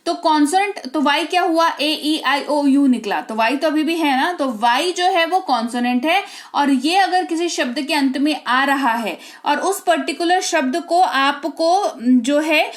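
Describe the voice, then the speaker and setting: A woman teaching English spelling and silent letters, explaining step by step and often checking in with her students. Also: high-pitched. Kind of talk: Hindi-language English lesson.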